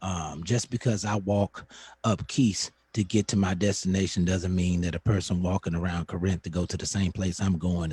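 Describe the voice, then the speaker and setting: Low, husky, mellow man speaking thoughtfully. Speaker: poet, MC and vocalist on a panel. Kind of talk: thoughtful, informal panel talk.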